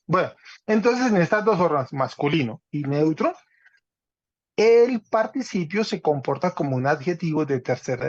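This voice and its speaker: A man with a somewhat high voice teaches a class online. He is patient and keeps checking that his students follow. The call audio is dry and a little muffled. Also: creaky, husky, no room sound. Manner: patient, checks understanding with "¿cierto?". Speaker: Greek teacher. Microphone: video call.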